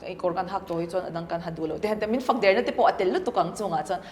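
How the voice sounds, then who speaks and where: A woman talking in a relaxed, thoughtful way and mixing in English business terms, recorded in a cafe. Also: fairly low pitch, rapid-fire, big-room sound, a little hiss or hum. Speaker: entrepreneur guest. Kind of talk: casual conversation.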